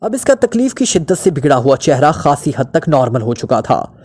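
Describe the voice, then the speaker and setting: Man narrating a dark thriller. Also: on the high side, big pitch swings, fairly quick, husky. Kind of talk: scripted story narration.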